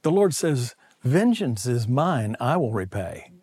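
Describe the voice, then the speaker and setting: A middle-aged man preaching a conversational sermon, acting out quoted voices and dropping to soft near-whispers. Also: medium pitch, big pitch swings, measured pace, husky, no room sound. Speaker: pastor.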